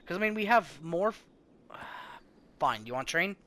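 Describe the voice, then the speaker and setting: A man's voice: sits high, lively intonation, moderate pace, bright, forceful tone. A young man reading a story game aloud and chatting casually with a friend, joking and yawning. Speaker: let's play host.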